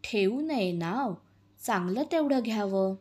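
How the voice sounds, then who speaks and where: A woman reading a children's poem, voicing Panti, a kind female friend who coaxes and soothes in a gentle storybook voice. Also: mid-range voice, expressive, a little slow. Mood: soothing.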